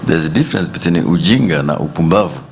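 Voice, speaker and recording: A man in his sixties who grew up in Tanzania gives panel remarks in a very deep voice. He speaks in a measured way and chuckles between points. Faint ambient noise sits behind him. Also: animated, vocal fry. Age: 60s. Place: conference hall.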